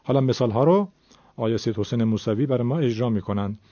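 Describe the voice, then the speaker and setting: A man's voice: medium pitch, warm tone, no echo. A man teaching a recitation lesson, explaining the rules patiently and repeating words so learners can follow. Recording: dull lo-fi sound.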